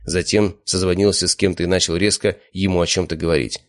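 A man narrating first-person fiction for an audiobook in a steady, measured way. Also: low voice.

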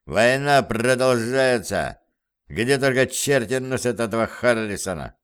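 A man voicing a brisk male guerrilla leader who gives curt orders, read as audiobook dialogue. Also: medium pitch, expressive, a bit bright, smooth. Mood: commanding.

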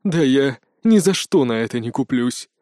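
A man's voice: mid-range voice, animated, normal speed, a little mellow, no room sound, clean studio sound, close to an everyday voice. A man voicing an arrogant, menacing Norse trickster god who mocks and snarls at his foes. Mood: snarling furious. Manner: mocking, snarling.

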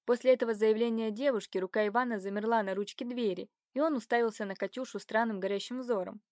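A woman narrating a historical romance novel in an even, measured reading voice. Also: on the high side, no room sound. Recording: dry close recording.

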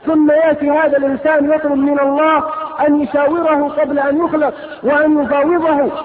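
Passionate preacher, rapid and scolding, recorded thin and phone-like in an echoing hall. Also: male voice, very high-pitched, little pitch movement, some chatter behind. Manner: impassioned, rhetorical, scolding. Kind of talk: fiery sermon. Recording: lo-fi phone-like sound, long hall reverb.

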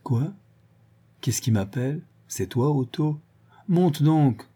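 A man's voice: a little high, lively intonation, takes it slowly, dark tone, husky, pitched above the performer's own voice, exaggerated voice. A man voicing a drunk, mocking middle-aged villain who taunts his captive in an audiobook. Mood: mocking tipsy. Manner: sneering, jovial, taunting. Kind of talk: audiobook character voice.

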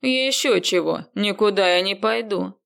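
A woman's voice: fairly low pitch, a little slow, vocal fry. A woman voicing a spoiled, capricious male pop singer who talks in a whiny way.

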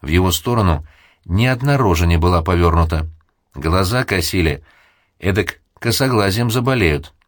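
A man narrating an audiobook story in a steady, dramatic reading with voices for the characters. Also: deep voice, normal speed, no echo, studio quality.

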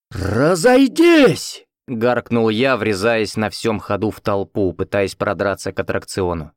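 A man's voice: mid-range voice, dry recording, studio quality. A man reading first-person fiction as an audiobook narrator, in a conversational, wry storytelling manner.

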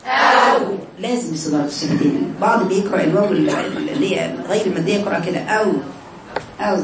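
A woman with an Egyptian Arabic accent teaching Quran recitation in a class, drawing sounds out slowly to demonstrate them and asking her students questions. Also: on the low side, a loud crowd. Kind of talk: online class lesson with students. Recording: echoey distant noisy recording.

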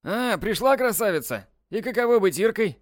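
A brash teenage boy who mocks and teases, his voice nudged a little higher and louder than a man's usual reading, as the narrator puts him on. The voice is lively and the sound is close and dry. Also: normal speed, no room sound. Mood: mocking. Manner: mocking and brash. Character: teenage boy, cocky teasing brother. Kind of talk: audiobook character voice.

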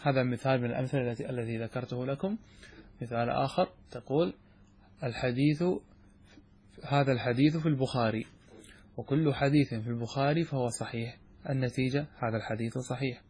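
A man's voice: mid-range voice, fairly even intonation, a little fast, darkish tone, husky. A man, a sheikh, giving a classroom lecture on a classical logic poem. He quizzes his students with questions and then answers them himself. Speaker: sheikh teaching a logic text.

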